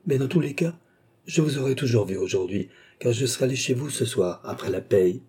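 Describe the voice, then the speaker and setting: A man reading an audiobook, voicing a kind, strong young male cabinetmaker who speaks in a gentle, earnest way. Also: mid-range voice, lively intonation, a little fast, husky, voice pushed up. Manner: gentle, earnest and warm-hearted.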